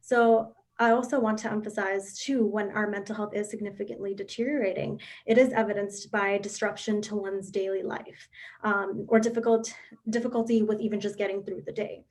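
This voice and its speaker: A woman presents mental health information in an earnest, measured way, leaning on "you know" and small restarts as she explains. Her pitch stays flat and even, with little rise or fall. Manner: earnest, repetitive, lots of "you know" fillers. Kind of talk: informational talk on a live video chat.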